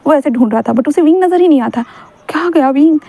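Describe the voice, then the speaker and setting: A woman's voice: sits high, expressive, very fast, vocal fry, mellow. A young woman casually narrating her own story aloud in a chatty, rambling way, often correcting herself mid-sentence.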